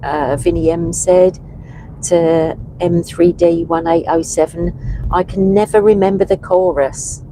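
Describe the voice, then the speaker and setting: Slow, low, mellow woman. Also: steady tone, poor audio. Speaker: passenger reading out live chat comments. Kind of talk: casual live stream chat. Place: inside a moving car. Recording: faint car road noise. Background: vehicle noise.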